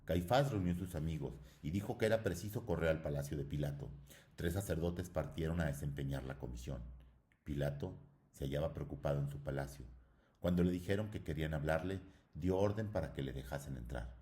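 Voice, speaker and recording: Very deep-voiced man reading solemnly. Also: warm tone. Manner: solemn and measured. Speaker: audiobook reader. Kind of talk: dramatic literary narration.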